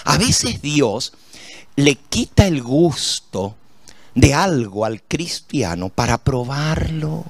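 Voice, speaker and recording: In a slow, gravelly, mid-range voice, a middle-aged pastor gives a lively sermon full of stories about his life and questions for his listeners. The recording has no room sound.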